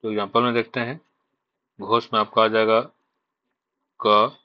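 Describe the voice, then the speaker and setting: A man teaching an exam revision lesson, slowly listing letters one by one. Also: fairly low pitch, little pitch movement. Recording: dull lo-fi sound.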